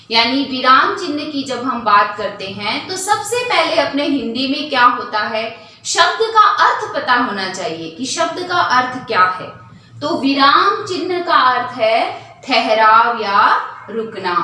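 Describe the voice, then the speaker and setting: A woman's voice: high voice, sharp tone. A woman teaching a lesson, asking questions and then answering them herself. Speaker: Hindi teacher. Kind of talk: classroom lesson. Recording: echoey room from far off, faint hiss.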